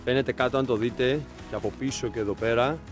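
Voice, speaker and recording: A man's voice: mid-range voice, steady tone, over music. A young man casually narrating a hike on a forest trail to his viewers, joking and explaining the route as he walks, recorded on a camera mic outdoors. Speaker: vlogger leading a hike. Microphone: handheld camera mic.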